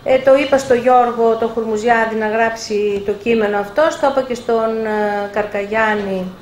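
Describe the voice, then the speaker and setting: An older woman publisher telling lively anecdotes in an interview, acting out the dialogue. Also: fairly high pitch. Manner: animated anecdotes with acted-out dialogue. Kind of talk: storytelling in a live interview. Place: bookshop event room. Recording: echoey room, faint background noise.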